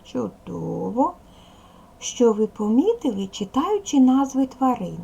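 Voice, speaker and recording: A woman teacher talks slowly and patiently to young children in a recorded lesson. Her slightly high voice rises and falls a lot, with a gravelly edge. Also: big pitch swings, warm tone, muffled recording. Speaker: primary school teacher. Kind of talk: recorded video lesson for second graders.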